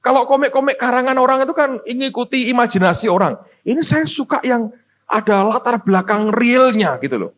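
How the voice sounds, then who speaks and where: A middle-aged pastor from Semarang, preaching a folksy, story-driven sermon that speaks straight to the congregation. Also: male voice, extremely high pitch, fairly quick, slight background noise. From Semarang, Central Java. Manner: animated, folksy, addresses the congregation directly. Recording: dull lo-fi recording.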